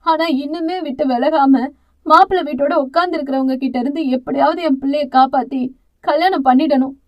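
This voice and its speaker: A woman's voice: sits high, brisk, highs cut off, close to an everyday voice. A woman voicing a grieving, fearful mother who laments through tears, in an audio novel. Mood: anguished. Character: anguished mother, weeping and fearful.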